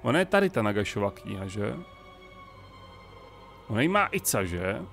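A man's voice: fairly low pitch, big pitch swings, gravelly, fairly bright tone, faint music behind. A Czech man casually commenting on a strategy game, thinking aloud and talking to the characters on screen. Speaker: gaming let's-player.

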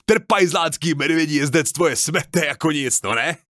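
A man's voice: a little high, fairly bright tone, no room sound, clean studio sound, pitched above the performer's own voice, natural voice. A man voicing a hot-tempered army captain who bellows and curses in an audiobook. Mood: boisterous. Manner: bellowing, cursing.

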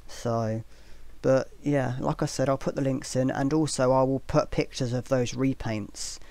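A man's voice: medium pitch, fairly even intonation, a little slow, creaky, warm tone, no echo. Man, casual video commentator; rambling delivery with fillers, earnest advice, sarcastic touches. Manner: rambling, with many fillers and restarts. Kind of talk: casual spoken commentary to viewers.

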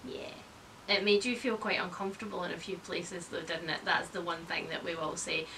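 A woman in her thirties with a lowish, flat voice talks fairly quickly in a pushed, bright tone, the poor recording carrying slight background noise. Reviewing books casually in a bookshelf-lined room, she's opinionated, wry and blunt, swearing mildly now and then.

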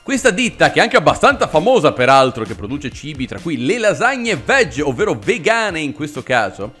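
A man's voice: a little high, big pitch swings, normal speed, fairly bright tone, faint music behind. A man hosting a casual comedic reaction video, sarcastic and full of mock outrage.

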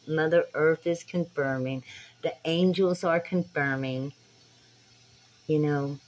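Older woman, 60s, low-voiced and unhurried, earnest direct-to-camera vlogger on a phone mic, faint background hiss. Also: a little mellow, poor audio. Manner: earnest, preacher-like, addresses viewers directly. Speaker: spiritual tarot vlogger. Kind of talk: casual talk to camera. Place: small dim room indoors. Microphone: phone camera at arm's length.

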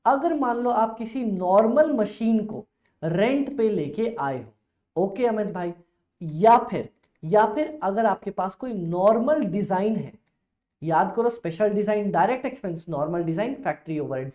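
A male teacher giving an energetic, playful lecture who keeps asking questions and answering them himself in a student's voice. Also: high voice, moderate pace, reverberant, highs cut off.

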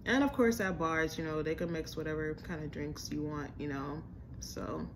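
Filming indoors in a room of her home with a staircase, a young American food vlogger casually chats through a restaurant review, using plenty of slang. She speaks at a normal speed in a low voice, against a noisy background.

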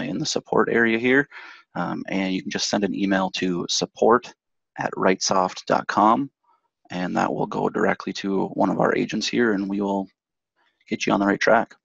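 A man with a low, gravelly voice walks through instructions in a webinar, with ums here and there. His voice is a bit husky. The sound is dull and dry. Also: dry recording. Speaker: support staff presenter. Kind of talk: webinar presentation.

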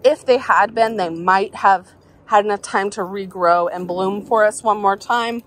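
A woman's voice: medium pitch, a little slow, a little hiss or hum. A woman, chatting casually and upbeat as she walks through her garden, speaking into a phone held at arm's length outdoors. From southern Alabama, USA. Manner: chatty, upbeat, folksy asides. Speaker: garden vlogger. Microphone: phone camera held at arm's length. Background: faint outdoor ambience, passing helicopters.

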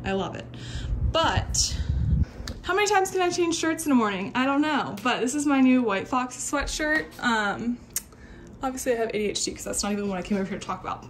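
A woman's voice: on the high side, slight background noise. Chatty young woman touring her home. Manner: chatty, rambling, self-deprecating, trails off and restarts. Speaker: lifestyle vlogger. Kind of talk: casual home-tour chat. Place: her house, indoors. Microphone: phone camera on a handheld stick.

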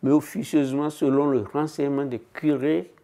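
Gravelly old man, reflective testimony. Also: fairly high pitch, fairly even intonation, moderate pace, warm tone. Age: 80s. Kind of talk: testimony interview. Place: living room, indoors.

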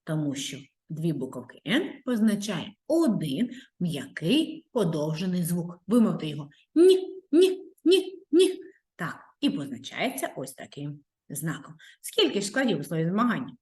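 A woman's voice: low-pitched, sing-song. A woman teacher giving a video lesson to young children, drawing out sounds and chanting rhymes in a sing-song way. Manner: sing-song, drawn-out sounds, rhyming warm-ups. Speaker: primary school teacher.

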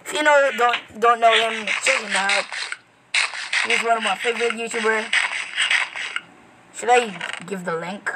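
A woman giving rambling, excitable commentary to viewers while playing a game. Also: fairly high pitch, measured pace, pauses often, heavy background noise. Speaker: gameplay commentator. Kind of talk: casual gameplay commentary.

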